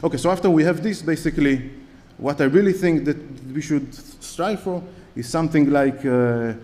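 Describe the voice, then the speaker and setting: This conference speaker is a man with an Israeli accent whose voice sits on the high side and has a darkish tone. He keeps a normal pace but hesitates often, restarting and filling gaps as he talks from a lectern on stage. The large hall gives the recording a long reverb, and the talk includes audience questions.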